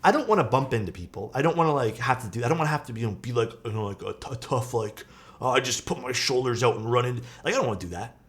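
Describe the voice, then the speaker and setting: A man's voice: medium pitch, animated, very fast. A man in his thirties chatting casually on a livestream, venting and rambling with many fillers and some swearing. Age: 30s. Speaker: keyboard-building streamer. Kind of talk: casual livestream chat reading viewer comments.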